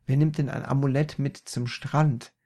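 A dim-witted grown man whines and complains in a raised, high voice, as a male storyteller acts him out. His delivery is indignant and easily wounded, with a rough, gravelly grain under the complaints. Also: steady tone, normal speed, lightly acted. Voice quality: whiny, high and loud. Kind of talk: comic storytelling.

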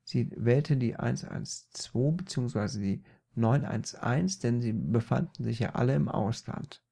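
A man tells a comic story in a slow, deadpan manner, stumbling over words and correcting himself as he goes. His voice has a rough, gravelly texture, and he never hurries. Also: mid-range voice. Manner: deadpan, unhurried, with slips and self-corrections.

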